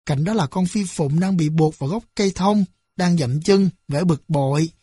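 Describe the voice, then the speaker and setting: A narrator reading a story aloud in a steady, expressive manner. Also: medium pitch, moderate pace, breathy edge, no echo.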